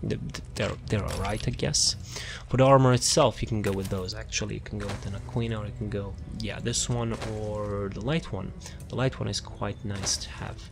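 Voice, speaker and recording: Background music plays as a man casually walks through a video game build, unscripted. His lowish voice, with vocal fry, stays steady at a moderate pace while he rambles and repeats words searching for things.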